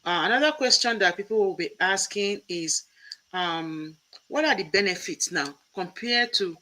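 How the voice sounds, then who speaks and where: A man's voice: a little high, pushed and bright, low-quality recording. A man hosting an interview, explaining points one by one in an emphatic way. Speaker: host and professor. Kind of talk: interview conversation.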